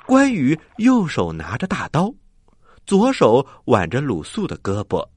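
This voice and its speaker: A man's voice: mid-range voice, huge pitch swings, measured pace, a little mellow, slightly rough, no echo. A man hosting a children's story show, telling tales in a dramatic style. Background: faint music.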